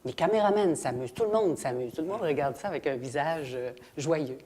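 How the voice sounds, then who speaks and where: Older Québécois actress guest, animated storyteller with a low-pitched voice and faint background noise. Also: female voice, brisk. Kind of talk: casual interview chat.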